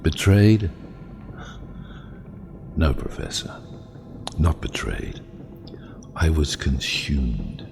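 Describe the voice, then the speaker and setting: A brooding submarine captain in an audio drama, with a very deep voice over prominent music. He speaks slowly and grandly, solemn and bitter. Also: wildly swooping pitch, creaky, full character voice. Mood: bitter, haunted. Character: brooding, embittered, commanding male submarine captain. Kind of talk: cinematic audio drama acting.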